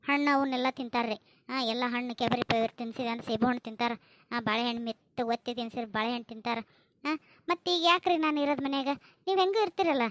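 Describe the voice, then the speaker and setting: Female comic actor, North Karnataka accent, high and brisk, homely skit, muffled dry sound. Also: fairly bright tone, dry recording. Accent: North Karnataka Kannada. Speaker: comedy skit actress. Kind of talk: family comedy skit acting.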